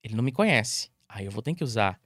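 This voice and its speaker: A man from Brazil who works as a dog trainer, explaining as a podcast guest and acting out owners and dogs in quick voices. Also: fairly low pitch, expressive, fairly bright tone, slightly rough, no room sound, studio quality. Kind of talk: casual interview talk.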